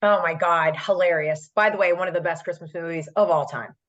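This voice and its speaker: A woman's voice: fairly low pitch, steady tone, fairly bright tone, lo-fi sound. A woman co-hosting a podcast, chatty and agreeable. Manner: agreeable, chatty, quick to laugh. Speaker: podcast co-host. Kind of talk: casual chat.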